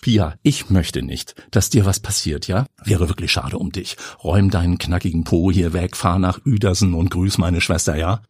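A blunt, harried police officer speaks in a husky, low voice, as a man narrator plays him. He talks urgently and gruffly, his pitch moving a lot, in a dry, close sound. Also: normal speed, few pauses, darkish tone, no room sound. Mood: teasing.

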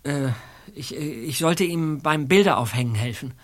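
A man's voice: on the high side, a little slow, natural voice. An actor playing a nervous teenage boy under questioning who stammers and defends himself.

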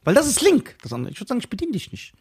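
Husky guy on a chat podcast, fired up and opinionated, voice swings up and down a lot. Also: very high voice, very fast. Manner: emphatic, opinionated, animated speaker. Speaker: podcast co-host. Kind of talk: casual chat.

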